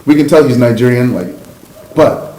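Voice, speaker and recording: Recorded in person indoors, a podcast guest with a Canadian accent shares personal stories in a candid, conversational way, peppering his speech with "like" and "you know." He speaks at a moderate pace in a medium-pitched, dark voice, amid roomy echo and faint background noise.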